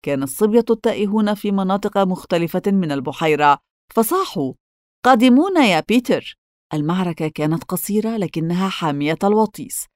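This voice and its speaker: A woman reads a storybook aloud in a steady, expressive voice. Her voice sits somewhat low for a woman. The recording is dry and close, with no room sound. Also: fast, no echo. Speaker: audiobook narrator. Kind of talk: storybook narration.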